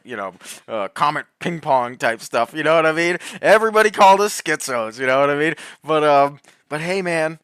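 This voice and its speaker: A man giving heated, rambling commentary, laughing often and swinging between loud outbursts and low muttering. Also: smooth, dry recording, clean studio sound. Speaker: commentary host. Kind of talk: animated conspiracy commentary.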